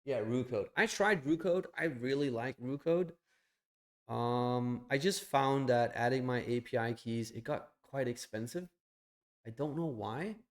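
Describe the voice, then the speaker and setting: A young man talks bluntly on a casual live stream, swearing a bit as he thinks out loud and clicks through his screens. His voice is medium-pitched and a little slow.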